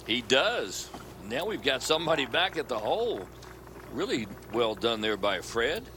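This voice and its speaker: A man's voice: medium pitch, big pitch swings, measured pace. A man giving casual, analytical live commentary as a golf commentator. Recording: clearly noisy outdoor broadcast.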